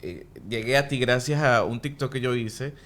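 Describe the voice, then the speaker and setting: A man's voice: mid-range voice, moderate pace, fairly bright tone. A man hosting a casual interview, chatty and often laughing as he talks. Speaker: host.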